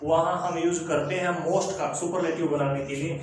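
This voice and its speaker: A man teaching an English grammar lesson who explains slowly and repeats words for his students. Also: a little high, fairly even intonation. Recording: very echoey room, faint background noise.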